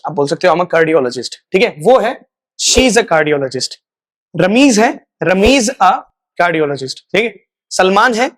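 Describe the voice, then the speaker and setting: A man teaching a spoken English lesson. He repeats each example phrase, stretches it out slowly, and checks in often with "right?". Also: high voice. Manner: slow, drawn-out model phrases; repeats words for practice.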